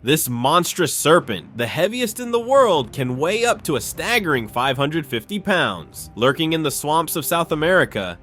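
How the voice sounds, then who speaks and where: A man's voice: fairly high pitch, a bit bright. A man delivering scripted nature documentary narration in a dramatic manner.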